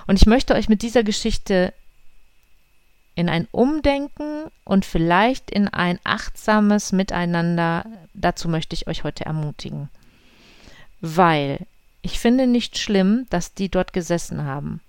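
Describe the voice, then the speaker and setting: A woman's voice: on the low side, measured pace, clear, resonant tone, no room sound. Woman telling a story in a dry close voice. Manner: lively retelling that acts out quoted dialogue. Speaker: vlogger. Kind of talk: casual personal storytelling to viewers. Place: outdoors in a forest.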